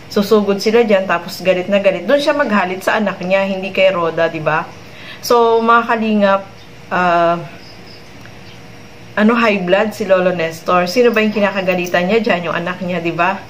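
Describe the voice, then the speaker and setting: A woman's voice: medium pitch, normal speed, a little hiss or hum, low-quality recording. A woman hosting a vlog, giving chatty commentary to her viewers and ending many remarks with tag questions. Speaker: vlog host commenting on a clip.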